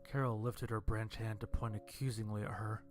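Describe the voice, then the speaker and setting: A man narrating a first-person horror story in a dry, deadpan way. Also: lowish voice, moderate pace, faint music behind.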